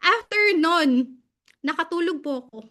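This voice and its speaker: A young woman with a Filipino accent tells a story in a very high, bright voice. She is animated, laughs easily and moves between Tagalog and English. Her manner is casual and lively. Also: a little slow. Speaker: guest speaker.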